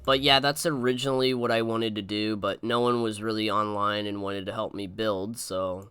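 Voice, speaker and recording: A young man giving casual re-watch commentary, rambling with plenty of fillers and asides. His voice sits a little low but sounds bright and crisp. The recording is dry and close, with no room sound. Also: steady tone, normal speed, no room sound, soft background music. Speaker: host.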